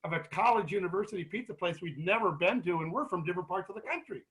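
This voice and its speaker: High-voiced middle-aged man telling stories. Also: poor audio. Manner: animated, halting, many restarts. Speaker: guest speaker at a grief support meeting. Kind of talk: casual storytelling to a group.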